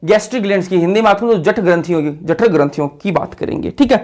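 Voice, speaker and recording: High-voiced man drilling a biology class. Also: lively intonation, racing, a little mellow. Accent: Hindi-speaking north Indian. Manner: asks a question, then repeats the answer; drills the class with call-and-response questions. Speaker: biology teacher. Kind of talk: exam-prep lecture over a diagram.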